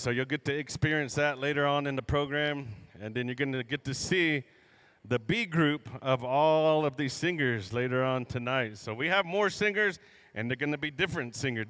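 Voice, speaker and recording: A man working as a powwow emcee, addressing the arena crowd in a folksy, drawn-out announcer style with joking asides, over the PA. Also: mid-range voice, fairly bright tone. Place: large indoor coliseum. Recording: arena PA with long hall reverb.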